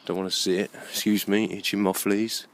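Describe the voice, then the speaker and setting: A man with a lowish, level voice talks a little fast straight to camera on his own video blog channel. His monologue is unscripted, rambling and opinionated, with lots of repetition and free swearing. It's a rough amateur recording with clear background noise.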